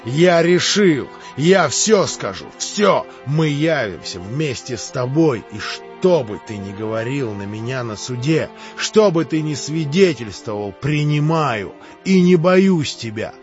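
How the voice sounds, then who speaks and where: A man playing a tormented young nobleman who shouts frantically, in a dull lo-fi recording with faint music. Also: medium pitch, lively intonation, slow pace, few pauses, pitched above the performer's own voice. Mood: frantic. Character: tormented, agitated young nobleman, quick to rage.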